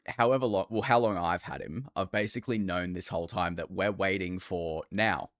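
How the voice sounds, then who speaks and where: Australian man, deep low voice, dry recording, casual sports chat, podcast co-host. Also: brisk, no echo. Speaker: fantasy rugby league podcast co-host. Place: voice call.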